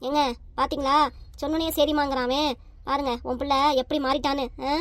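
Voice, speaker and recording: A woman voicing a stubborn, quarrelsome old grandmother in a cartoon family comedy, scolding in a sharp, rapid-fire way. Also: high voice, level tone, dry recording, studio quality, natural voice. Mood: defiant.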